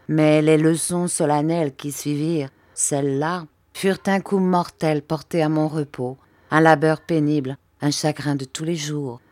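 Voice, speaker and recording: Woman audiobook narrator, low voice, measured expressive reading, dry close sound. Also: dry recording.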